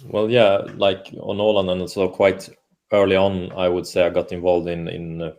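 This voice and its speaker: Answering interview questions hesitantly and casually, with many fillers and restarts, is a Swedish-speaking man from Åland, Finland, who coaches football. His voice sits low with a level, darkish tone at normal speed.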